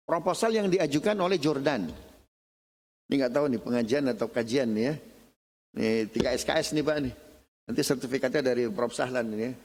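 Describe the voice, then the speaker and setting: A middle-aged Indonesian man with a slightly high voice gives a casual religious lecture at a mosque study session. He tells lively, animated stories and addresses his listeners directly, often calling them "Pak." The mosque hall adds a long reverb.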